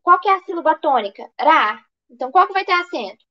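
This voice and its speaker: A Brazilian woman with a high voice teaches grammar for an exam. She asks questions and answers them herself, often restarting her sentences. The recording sounds dull and lo-fi. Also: animated, fast talker. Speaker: exam prep tutor. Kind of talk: online grammar lesson.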